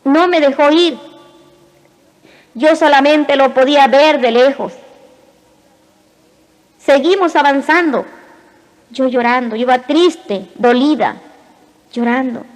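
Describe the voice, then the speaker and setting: A woman giving a spoken religious testimony in an emotional way, speaking in short phrases with dramatic pauses. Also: high-pitched. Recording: reverberant hall.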